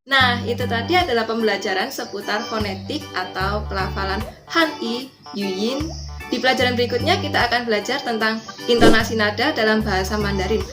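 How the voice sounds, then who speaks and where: A young woman teaching Mandarin pronunciation, slowly and deliberately drilling syllables one by one. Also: a little high, over music. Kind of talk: pronunciation lesson.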